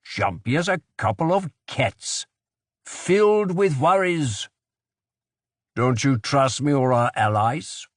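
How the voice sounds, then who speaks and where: A man voicing a gruff, impatient resistance leader who speaks in a demanding way. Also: mid-range voice, expressive, slow, dry recording, studio quality. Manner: brusque, demanding.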